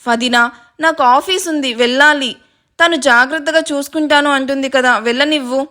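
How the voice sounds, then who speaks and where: A woman reads a sarcastic young man in a storybook reading, mocking and snappy. The voice stays high and bright, with little change from the narrator. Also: moderate pace.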